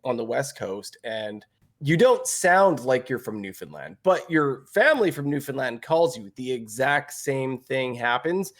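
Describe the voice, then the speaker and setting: A man's voice: mid-range voice, expressive, measured pace. A Canadian man co-hosting a podcast in casual chat, laughing often and stumbling through restarts. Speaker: podcast co-host.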